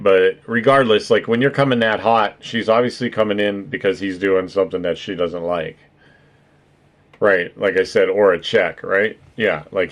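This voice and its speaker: Adult man, lowish voice, profane rambling streamer commentary. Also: fairly bright tone. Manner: rambling, profane, keeps adding "right?". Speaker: streamer reacting to videos. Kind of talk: casual reaction commentary.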